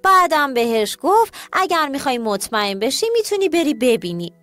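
A woman narrating children's stories in a scripted, animated way, talking directly to the kids. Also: high-pitched, dry recording. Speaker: storyteller. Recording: soft music bed.

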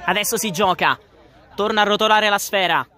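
A man giving excitable, breathless live football commentary. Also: high voice, brisk, a faint crowd. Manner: excitable, breathless running goal-action commentary. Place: outdoor floodlit football ground at night.

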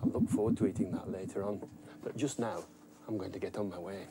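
Speaking quickly in a low voice with fairly even intonation, a middle-aged presenter offers young viewers gentle, scripted storytelling chat. He thinks aloud and addresses them simply from inside a wood-panelled narrowboat cabin.

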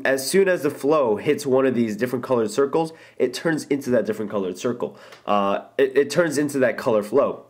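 A man's voice: mid-range voice, a little mellow. A young man casually walking through a phone game as an app reviewer, enthusiastic and rambling, with many ums and restarts. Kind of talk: casual gameplay walkthrough. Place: indoor room, filming a phone screen.

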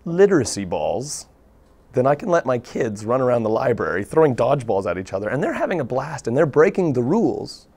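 A man, a local theatre artist, talking earnestly in a TV interview, telling things in an animated way with many restarts. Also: medium pitch. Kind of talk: casual interview talk. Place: TV studio.

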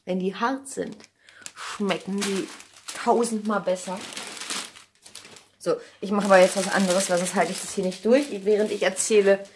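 A woman vlogger with a mid-range voice speaks at normal speed with fairly even intonation, pausing often as she thinks aloud casually to camera. She films on a phone at arm's length in her home kitchen, and the handheld recording is noisy with clicks.

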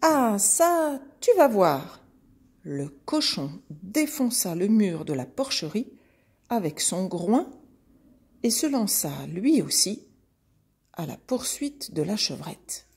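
Slow-reading breathy woman storyteller. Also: fairly low pitch, sing-song, darkish tone. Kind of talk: reading a children's story aloud.

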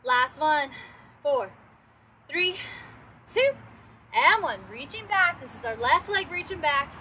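Woman fitness instructor, winded, high and bright, unhurried countdown cues. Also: very animated, a little hiss or hum. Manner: encouraging, counts down intervals, works out while talking. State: out of breath. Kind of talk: workout class cueing with countdowns.

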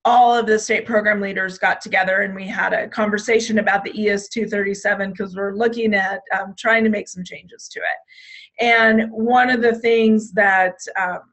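A woman's voice: medium pitch, fairly even intonation, normal speed, fairly bright tone. A woman giving an online orientation to youth program staff. She talks conversationally with frequent ums and restarts, and her voice is getting tired. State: losing her voice. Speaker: state 4-H program leader.

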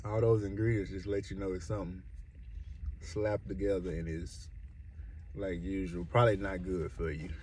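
A man doing a casual food review, chatty and relaxed, repeating himself and chuckling often. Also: low-pitched, moderate pace, slight background noise. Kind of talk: casual product review vlog.

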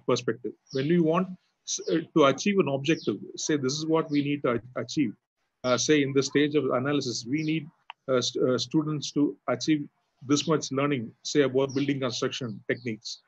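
A man, answering questions in a webinar as an architecture lecturer, pausing often with fillers and restarts. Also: medium pitch, no echo. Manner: hesitant, many fillers and restarts. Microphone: video call mic. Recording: muffled lo-fi webinar audio.

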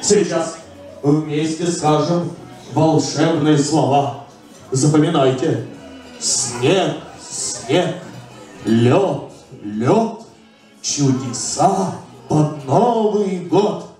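A man's voice: fairly high pitch, slow pace, a little mellow. A man playing jolly, forgetful old Grandfather Frost as a kids party magician at a live New Year show. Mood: playful, coaxing. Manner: kids party magician, coaxing children through magic words. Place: banquet hall, indoors. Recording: roomy, distant camera pickup with music.

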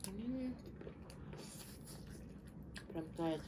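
A woman's voice: medium pitch, animated, very slow. A woman hosting an eating video, talking with her mouth full and chewing, humming appreciatively between short remarks. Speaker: mukbang host. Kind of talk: casual eating chat. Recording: distant mic with background noise.

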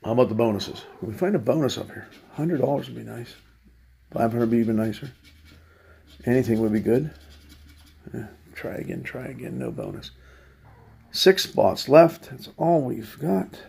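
A man with a gravelly, husky voice mutters dry, sarcastic remarks as he works through scratch tickets. His talk is loose and unhurried, half to himself and half to his viewers. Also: mid-range voice, animated, a little mellow. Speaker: channel host. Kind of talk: casual running commentary while scratching lottery tickets.

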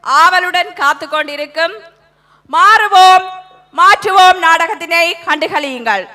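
A woman announcer giving a formal, measured introduction of the cast of a play. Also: very high-pitched, sharp tone.

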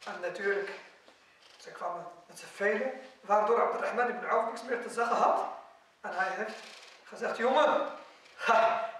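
Male preacher, high-pitched, dramatic storytelling lecture recorded from afar in a reverberant mosque hall with faint noise. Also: normal speed, pauses often. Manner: storytelling, voicing quoted figures with swings in loudness. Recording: very echoey hall, distant mic.

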